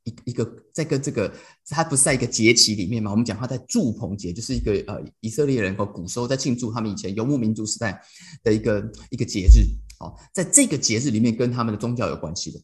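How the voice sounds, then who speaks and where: A man with a Taiwanese Mandarin accent hosting a casual devotional talk, telling stories playfully and dropping in English phrases. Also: mid-range voice. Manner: playful, animated storytelling mixed with English phrases. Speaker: devotional podcast host.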